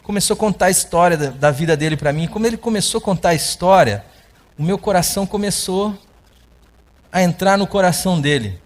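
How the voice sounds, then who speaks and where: Male pastor, story-driven sermon, slightly high voice, acts out the dialogue and sound effects as he goes. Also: lively intonation, brisk.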